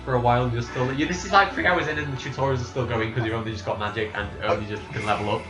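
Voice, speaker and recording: A man recapping a game's plot from memory in casual chat, rambling and halting, with lots of restarts. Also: mid-range voice, fairly even intonation, music in the background. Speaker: podcast host. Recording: roomy, slightly dull home recording.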